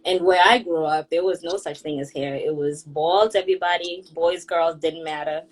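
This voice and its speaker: A young woman from Kenya talks about her life in a relaxed, chatty way, laughing often as she goes. Her voice sits a little low and has a husky edge. She is speaking on a group audio call. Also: normal speed, rough recording. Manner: chatty, laughs often while telling stories. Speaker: guest, hairstylist and blogger.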